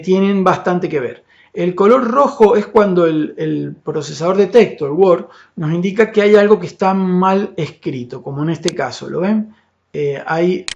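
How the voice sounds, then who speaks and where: A man teaching a software lesson over a screen recording, patient and explanatory, often checking in with his students and pausing on "eh". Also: high-pitched. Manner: patient, explanatory, frequent "¿sí?" and "fíjense" check-ins; filler "eh" and "este" between phrases. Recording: dull lo-fi audio with faint hiss.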